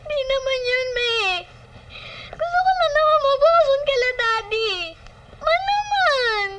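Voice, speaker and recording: A woman's voice: extremely high pitch, fairly even intonation, unhurried, bright, forceful tone, recorded from a distance, a little hiss or hum, heavily acted. A young actress playing a teenage daughter in a film drama, pleading and tearful with her mother. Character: pleading teenage daughter caught between parents.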